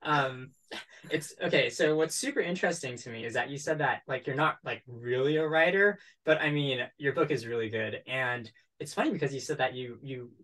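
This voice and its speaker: A man's voice: medium pitch, moderate pace, a bit bright. Friendly man hosting a video call. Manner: friendly, encouraging, hesitant restarts. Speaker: interview host. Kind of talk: casual interview over video call. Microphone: headset on video call.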